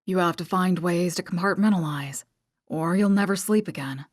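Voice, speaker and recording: A woman voicing a calm young female ex-intelligence officer in her twenties in an audiobook, speaking in a knowing, calm way. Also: fairly low pitch, normal speed, dry recording, studio quality, natural voice.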